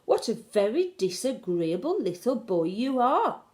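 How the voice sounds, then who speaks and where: A woman's voice: a little high, sing-song, a little slow, mellow. A woman voicing a shrewd, affectionate old grandmother in a storybook, with an emphatic, doting manner. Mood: exclaiming.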